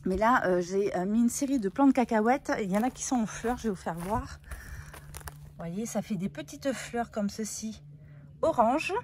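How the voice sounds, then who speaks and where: A woman's voice: fairly high pitch, animated, moderate pace, a little mellow, slight background noise. Woman touring her garden, chatty. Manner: chatty, explanatory, frequent fillers. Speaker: gardening vlogger. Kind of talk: casual walkthrough of her vegetable garden. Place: outdoors in a garden.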